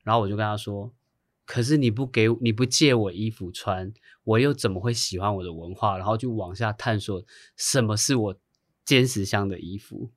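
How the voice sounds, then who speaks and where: A man's voice: fairly low pitch, normal speed, dry recording. A man who works as a hairstylist tells a long story in a casual chat, acting out the voices of the people he quotes and laughing often. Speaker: guest.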